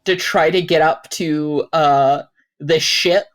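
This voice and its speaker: Low-voiced woman, slow and halting, gaming. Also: steady tone. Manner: halting, thinking aloud in broken-up phrases. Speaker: tabletop game player. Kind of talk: casual game-table chat.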